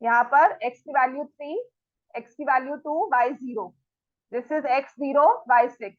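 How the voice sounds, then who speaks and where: A high-voiced woman teaches maths to a class and keeps checking that the students follow. She scolds the students firmly and talks straight to them. The sound is dry and a little dull, like a lo-fi recording. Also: a little slow, dry recording.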